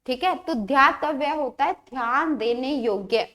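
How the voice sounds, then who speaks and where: A woman with a high, bright voice teaches an exam-prep grammar lesson. She explains patiently, says each word several times and asks the listener rhetorical questions as she goes. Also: expressive, a little slow.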